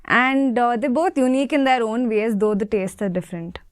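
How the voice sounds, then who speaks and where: Nineteen-year-old woman, fairly high voice, calm, dry close sound. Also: normal speed, smooth, no echo. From India. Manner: calm, matter-of-fact. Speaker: panelist. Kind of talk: student panel discussion.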